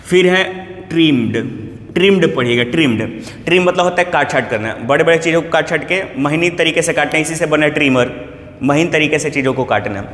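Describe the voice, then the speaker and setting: A man gives a patient pronunciation lesson in Hindi, repeating each example word several times. His voice sits a little high for a man. The room is echoey, with a long reverb tail and a faint hiss underneath. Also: a little fast, a bit bright. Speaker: English teacher.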